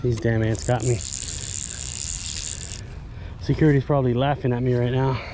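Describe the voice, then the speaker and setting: A man in the middle of his pitch range gives a chatty running commentary while he fishes outdoors, sometimes talking straight to the fish. It is recorded on an action camera by a lake, with a clear layer of outdoor noise under his voice. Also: fairly even intonation, quick pace. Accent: South Florida English. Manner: chatty, self-narrating, mutters to the fish. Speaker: fishing vlogger. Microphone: action camera on body or bike.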